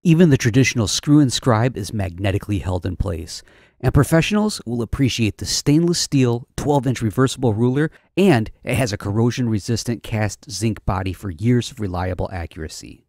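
A man reading a scripted tool advertisement in a measured, steady way. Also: medium pitch, no room sound, clean studio sound. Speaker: product ad voice-over. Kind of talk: scripted ad narration.

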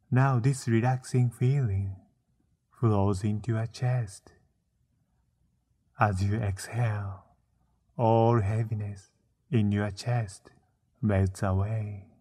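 A man narrating a guided meditation, soothing and unhurried, with frequent pauses between short phrases. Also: on the low side, warm tone.

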